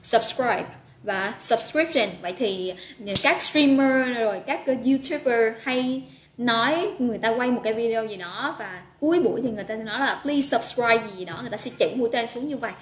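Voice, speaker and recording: A woman's voice: on the high side, expressive, brisk. Upbeat woman teaching English. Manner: upbeat, praising students by name, drilling pronunciation. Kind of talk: live online vocabulary lesson. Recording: echoey room with faint noise.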